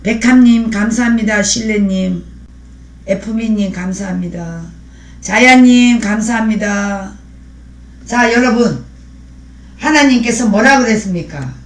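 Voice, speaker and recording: A woman's voice: medium pitch, unhurried, pauses often, roomy sound. A woman hosting a live stream, speaking in a fiery, preachy way and thanking viewers by name as she reads their comments. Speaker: livestream host.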